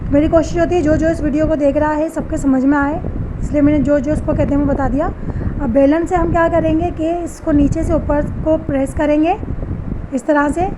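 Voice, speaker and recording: A woman's voice: sits high, steady tone, normal speed, background noise. A woman giving step-by-step household tips at home. She speaks straight to her viewers, patiently repeating each step.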